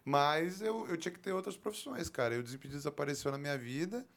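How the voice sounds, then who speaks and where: A man's voice: on the high side, fast talker, fairly bright tone. A man with a Brazilian accent chatting casually as a talk show guest, telling stories in a joking, self-deprecating way. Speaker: talk show guest, actor and football commentator. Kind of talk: casual chat.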